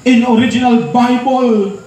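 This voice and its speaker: A Filipino man with a Filipino accent preaching a sermon at a youth camp, shouting and drawing out his words for emphasis. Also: extremely high pitch, fairly even intonation, a little slow, far from the mic. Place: large hall with a crowd. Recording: echoey hall, miked from afar.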